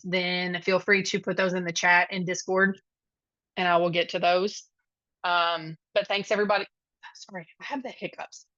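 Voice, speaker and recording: A woman's voice: mid-range voice, pushed and bright, no room sound. A woman leading a live online study group as a coding instructor, chatty and reassuring, with many filler ums. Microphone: video call. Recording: dull, dry lo-fi video call audio.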